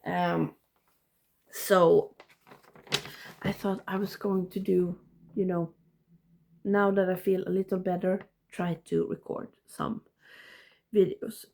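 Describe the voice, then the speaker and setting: A woman with a blocked nose giving a casual video review, rambling and haltingly, often interrupting herself. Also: lowish voice, flat delivery, gravelly, warm tone. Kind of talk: casual ranking review to camera.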